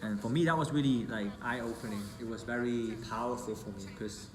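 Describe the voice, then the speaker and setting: A man's voice: medium pitch, a little fast, roomy sound, background noise. A man born in Hong Kong and raised in the UK, giving a casual, rambling thank-you speech as an event organizer, with many fillers and self-corrections.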